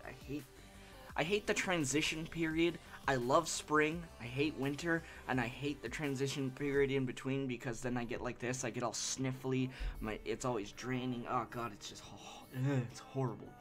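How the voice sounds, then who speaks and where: An art streamer, a young man with a medium-pitched voice and steady tone, talks casually while drawing live, sniffling through an allergy-stuffed nose. Soft music plays behind his rambling, halting chat, which is full of restarts, apologies and self-deprecation.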